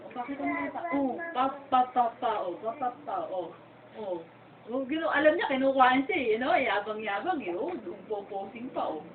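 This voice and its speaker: A woman's voice: on the high side, big pitch swings, brisk, reverberant, distant mic. A mother coaxing her baby to stand and dance, cooing in sing-song baby talk and laughing often. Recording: tinny, noisy lo-fi home video, voice from across the room.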